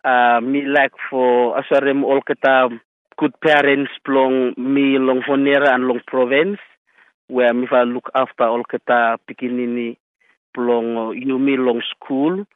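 A Solomon Islands man, the chairman of a school health committee, is interviewed for a radio news piece and answers in Solomon Islands Pidgin. His medium-pitched voice holds a level tone at a slightly slow pace, and the dry audio sounds tinny, like a phone line carried over radio.

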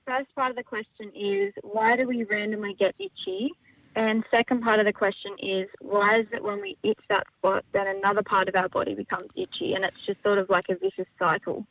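A woman calling in to a radio show, setting out her two-part question in clear order. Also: medium pitch, expressive, a little fast, a bit bright, dry recording. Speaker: caller. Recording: dull phone line.

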